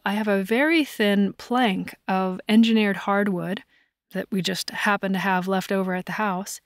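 A vlogger in her forties chats through her DIY vehicle project, laughing frequently as she moves between the inside of an SUV and a carport. The recording is clean studio-quality with no echo, and her voice sits in the mid range.

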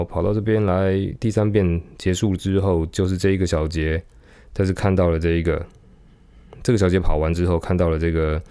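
A man's voice: low voice, mellow, clean tone. A man teaching how to read a sheet of music, explaining patiently step by step, counting beats aloud and scatting through passages.

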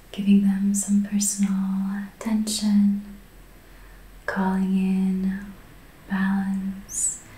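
A soft-spoken ASMR Reiki practitioner and host leads a guided healing session, her mid-range voice breathy and whispery as she moves very slowly and gently. She sounds extremely mellow and calming, barely rising or falling in tone, and the room gives the audio a noticeable echo.

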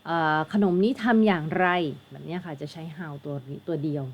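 A woman's voice: low voice, a little fast, highs cut off. A woman with a Thai accent, an English teacher tutoring for an exam, patiently explaining and spelling words out letter by letter.

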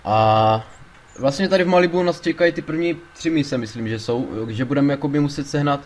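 A man giving casual gameplay commentary, excitable, swearing a lot and panicking loudly when things go wrong. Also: a little high. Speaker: let's play gamer.

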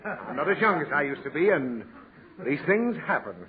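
A fairly high-pitched, sing-song voice at normal speed belongs to an actor portraying a patient, fussy father of a naughty girl. Sentimental and easily flustered, the character lectures his daughter in a 1940s radio comedy, heard through a tinny old broadcast with faint hiss.

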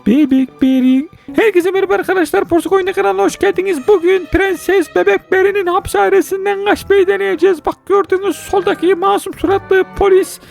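A woman hosting a let's-play game commentary, excitable and joking, with constant exclamations and banter aimed at her viewers. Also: extremely high pitch, creaky. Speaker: gaming channel host.

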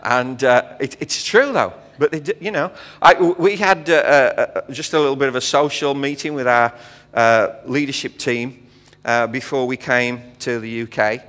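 The speaker, a visiting pastor from England in middle age, preaches at a normal speed in a medium-pitched, somewhat bright voice. Standing on a church hall stage with listeners present, he keeps the sermon casual, quipping often and leaning on fillers. The hall adds a lengthy reverb.

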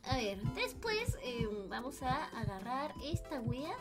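A woman's voice: sits high, very animated, slow pace, creaky, over loud music. A woman, playfully commentating a game with swearing and mock panic. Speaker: streamer. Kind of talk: comedic gameplay commentary.

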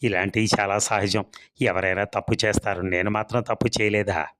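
Reading a storybook serial, a man voices a charming, manipulative village landlord who speaks in a smooth, coaxing way and laughs things off. The reading is lightly acted, with a steady, brisk, slightly bright voice on the low side, plus a little hiss or hum.

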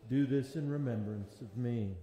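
A man serving as pastor, leading a sermon and communion in a measured, prayerful cadence, his voice ringing with a long echo in a large church. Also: medium pitch, warm tone, slightly rough. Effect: long echoing church reverb. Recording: long reverb in a large hall.

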